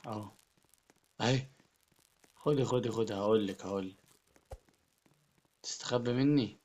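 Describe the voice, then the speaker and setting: An Egyptian Arabic-accented man does excitable Let's Play commentary as a gaming YouTuber, often repeating his words. His voice is lowish and he talks at a normal speed.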